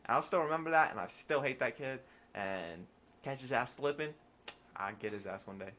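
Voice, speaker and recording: A young man in casual podcast chat, telling animated stories full of slang and swearing. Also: medium pitch, normal speed. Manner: animated storytelling, slangy and profane. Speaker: podcast host.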